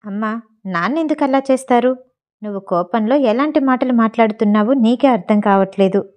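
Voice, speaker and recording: A woman's voice: on the high side, a little fast, darkish tone, close to an everyday voice. A woman voicing a rich, impatient young man in an audio story, speaking curtly and firmly.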